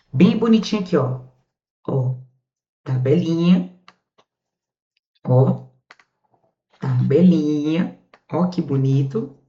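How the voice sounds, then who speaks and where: Lively Brazilian woman teaching grammar. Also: deep voice. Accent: Brazilian Portuguese. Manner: lively, chatty, drawn-out stressed words. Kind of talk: online grammar lesson. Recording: muffled, echoey room.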